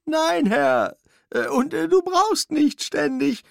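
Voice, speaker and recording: A narrator putting on the voice of a fussy, servile old manservant in a radio play, talking high and quick. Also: male voice, wildly swooping pitch, vocal fry, fairly bright tone, no room sound, heavily acted. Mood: flustered. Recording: dry studio recording.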